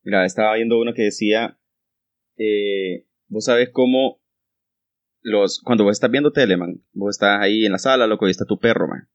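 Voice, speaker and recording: A young man, co-hosting a casual chat and telling animated stories full of crude slang. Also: fairly low pitch, normal speed, no room sound, muffled recording.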